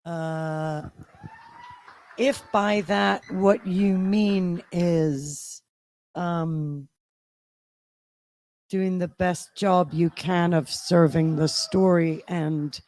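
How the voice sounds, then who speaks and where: A woman's voice: on the low side, darkish tone. A woman, an audiobook narrator, answering questions on a convention panel with wry humor. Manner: wry, laughing, unhurried.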